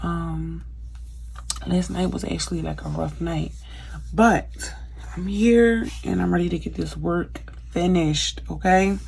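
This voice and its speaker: This young craft vlogger has a lowish, husky, creaky voice with a darkish tone, and she takes her time. Chatting casually through a how-to, she uses many fillers and talks to viewers as "you guys".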